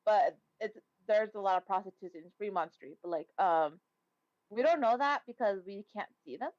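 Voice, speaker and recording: A woman's voice: medium pitch, animated, normal speed, darkish tone, dry recording, dull audio. A woman chatting casually on a voice call, rambling and swearing freely. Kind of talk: casual chat.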